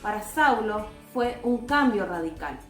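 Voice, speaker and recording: A woman giving a devotional talk with a personal testimony, in an earnest, calm and measured way. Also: mid-range voice, faint music behind. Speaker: devotional speaker. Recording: roomy echoey recording.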